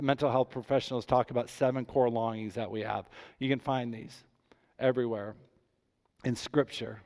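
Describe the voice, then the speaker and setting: An animated male pastor preaching a sermon in a mid-pitched voice. He swings from hushed, soft passages to loud, excited bursts. A long reverb hangs on his voice, as in a church hall.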